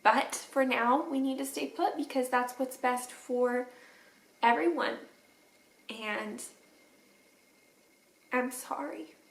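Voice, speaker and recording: Woman teacher, tearful and tender, slightly high voice with a gravelly edge. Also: roomy sound, low-quality recording. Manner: tender, halting, with teary laughs. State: crying, sniffly. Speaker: third grade teacher. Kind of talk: tearful video message to students.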